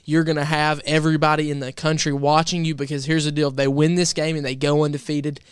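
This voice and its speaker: A man hosting a casual sports talk show, running through game picks with emphatic, animated calls. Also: a little high, fast talker, clean tone, no echo, clean studio sound.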